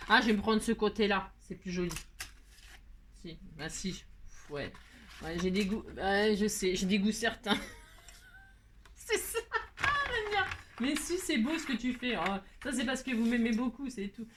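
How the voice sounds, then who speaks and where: A woman's voice: medium pitch, normal speed, background noise. A middle-aged woman hosting a casual crafting tutorial at her table, chatty and self-mocking, laughing at herself.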